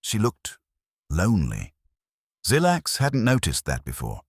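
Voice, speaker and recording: A man narrating a sci-fi story in a measured, dramatic storytelling manner. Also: fairly low pitch, huge pitch swings, creaky, husky, dry recording, studio quality.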